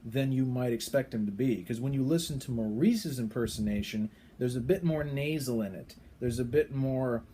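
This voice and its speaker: A man's voice: medium pitch, normal speed, hardly any pauses, warm tone, a little hiss or hum. A man casually explaining to camera with frequent fillers and restarts. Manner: chatty, hesitant, frequent um and restarts. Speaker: video creator.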